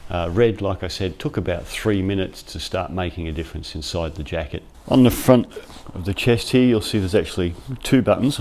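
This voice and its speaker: Warm in tone and low in pitch, a man's voice comes through with a little hiss or hum. He's a workshop vlogger giving a chatty, informal product review in his cold workshop, thinking aloud while wearing a clip-on lapel mic.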